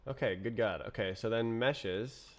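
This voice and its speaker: A programmer on a coding stream talks himself through his work in a voice on the low side, at a moderate pace. He sounds unwell and keeps muttering half-finished thoughts as he writes code.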